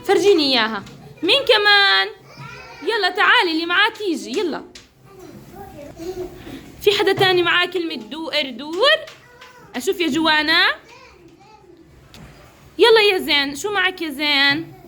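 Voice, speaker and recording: A young woman with a Levantine accent teaching small children in a classroom, cheering them on and slowly sounding out syllables. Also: very high-pitched, animated, pushed and bright. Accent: Levantine Arabic. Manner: encouraging, praises often, drawn-out sounding of syllables. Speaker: kindergarten teacher. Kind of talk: classroom phonics drill.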